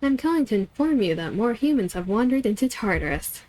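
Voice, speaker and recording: A woman's voice: a little high, very animated, brisk, a little mellow. Woman voicing formal, composed Elizabeth.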